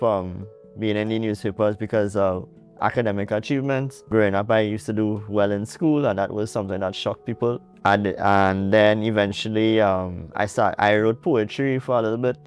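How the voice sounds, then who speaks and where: A young Trinidadian man, a guest in an interview, telling his story earnestly with restarts and light laughs. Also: fairly low pitch. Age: young adult. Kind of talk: casual interview.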